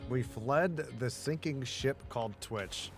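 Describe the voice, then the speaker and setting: Man, casual gaming chat, foul-mouthed, rambling restarts, middle pitch, faint music behind. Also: slow. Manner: profane, rambling, many restarts. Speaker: gamer chatting with a friend.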